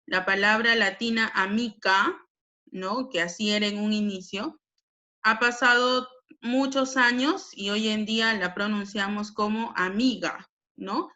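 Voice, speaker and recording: A woman's voice: medium pitch, steady tone, a little slow, bright, forceful tone. A Peruvian woman teaching a language lesson, explaining patiently with frequent tag questions. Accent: Peruvian Spanish. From Peru.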